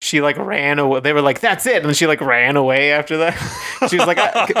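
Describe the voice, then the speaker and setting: A man's voice: a little high, fairly even intonation, brisk, sharp tone. A man co-hosting a podcast, talking in a laid-back, hesitant way full of filler words as he discusses a song. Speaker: podcast co-host. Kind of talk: casual song-breakdown chat.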